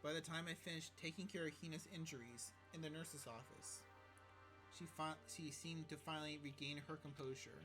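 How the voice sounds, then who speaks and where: A man's voice: a little high, brisk. A man streaming a visual novel, reading it aloud and cracking jokes at it. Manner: animated, joking asides, laughs at the game. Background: game music.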